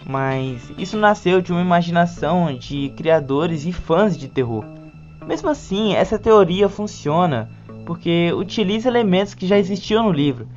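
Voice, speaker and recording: The narrator speaks at medium pitch with a darkish tone and a Brazilian Portuguese accent, delivering a scripted video essay that turns informal now and then. Background music runs beneath the dull, lo-fi recording.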